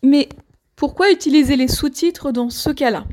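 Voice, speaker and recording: A woman with a notably high voice gives a language lesson. She explains patiently, one step at a time, and comes back to her main points to make sure they land. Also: normal speed, darkish tone. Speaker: French teacher. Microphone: audio only, speaker not seen.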